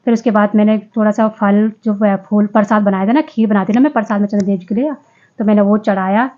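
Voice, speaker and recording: A woman's voice: medium pitch, fairly even intonation, quick pace, dull audio. A woman vlogger narrating her day in a casual voice-over, chatty, often restarting and correcting herself.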